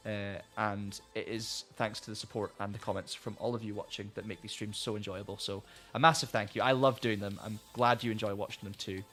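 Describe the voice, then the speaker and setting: A man's voice: fairly low pitch, fairly even intonation, fairly quick, few pauses, a bit bright, faint music behind. A man chatting casually on a live stream, rambling and restarting sentences as he reads out viewer comments, saying he is losing his voice. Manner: rambling, friendly, many restarts.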